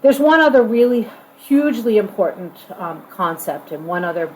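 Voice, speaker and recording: A woman giving an informal corporate training video talk as an organization leader to new staff, conversational and halting, repeating phrases for emphasis. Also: mid-range voice, expressive, a little mellow, slight background noise, rough recording.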